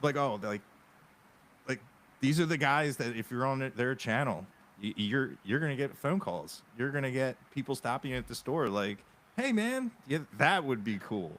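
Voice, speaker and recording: A man's voice: mid-range voice, lively intonation, normal speed, a bit bright, slight background noise. A man on a podcast, talking casually through a compressor on his voice. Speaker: podcast guest, music video creator.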